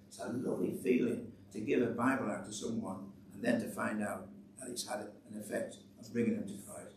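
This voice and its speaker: A man's voice: on the low side, a little hiss or hum. Man telling a church testimony. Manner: chatty storyteller, re-enacts conversations, exhorting. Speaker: church speaker giving testimony. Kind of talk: anecdotal church talk. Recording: roomy echo, distant mic, faint ambience.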